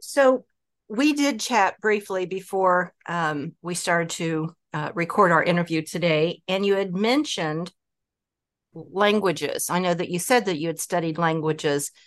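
A woman's voice: fairly low pitch, measured pace. A woman hosting a podcast interview, asking her questions with fillers and restarts. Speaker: podcast host.

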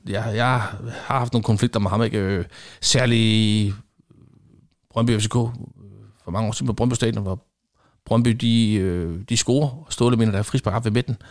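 A middle-aged man, a former football referee, telling lively anecdotes in conversation and acting out what people said. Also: on the low side. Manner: animated storyteller acting out quoted exchanges.

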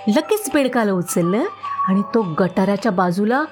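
A woman narrating a children's story in a slow, expressive, sing-song way. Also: mid-range voice. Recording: faint music behind.

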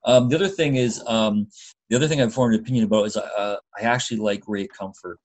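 Male, middle-aged, fairly low voice, casual podcast co-host, hesitant, thinking aloud. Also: fast talker, low-quality recording. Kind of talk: casual chat.

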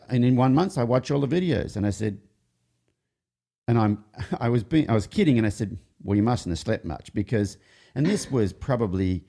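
A man with a medium-pitched, dark voice and vocal fry tells casual, conversational stories as a horse trainer and show host. His jokey horse-training anecdotes ramble, and he often breaks off to restart sentences.

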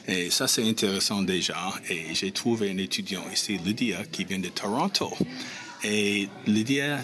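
Low-voiced male campus interviewer. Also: moderate pace, sharp tone. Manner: hesitant, conversational, with frequent fillers. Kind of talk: on-the-street interview. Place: university campus, busy common area. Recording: crowd chatter behind.

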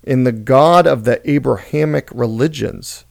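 A man's voice: mid-range voice, measured pace, vocal fry, no echo, clean studio sound. A man explaining a classic novel in an earnest, explanatory way and reading passages from it dramatically. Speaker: literature lecturer. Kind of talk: book commentary with dramatic readings.

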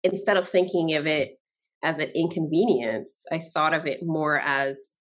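A woman's voice: sits low, moderate pace, fairly bright tone. A woman from Barbados, a guest chatting casually in an interview and laughing often.

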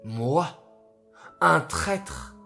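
A man's voice: mid-range voice, huge pitch swings, drawn-out words, creaky, sharp tone, faint music behind, full character voice. A man doing an earnest, pleading young captain. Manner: earnest, pleading protests of innocence. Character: young army captain, wrongly accused, proud.

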